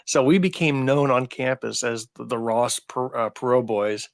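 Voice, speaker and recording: A man's voice: medium pitch, moderate pace, vocal fry, no echo, studio quality. A man in his fifties, co-hosting a podcast in casual chat and telling rambling, anecdotal stories. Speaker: podcast co-host.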